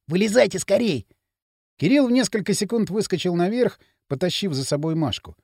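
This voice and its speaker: Кастинг: выразительный чтец-мужчина, сухая студийная запись крупным планом. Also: male voice, high-pitched, a little fast, dry recording, studio quality. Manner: expressive, animated reading. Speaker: audiobook narrator. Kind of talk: scripted narration.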